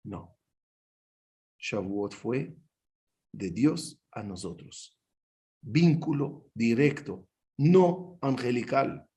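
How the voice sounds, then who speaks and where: A man, a rabbi, teaching a Torah class over a video call, an animated storyteller who acts out dialogue with big swings in his voice. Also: medium pitch. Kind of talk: lively teaching with anecdotes.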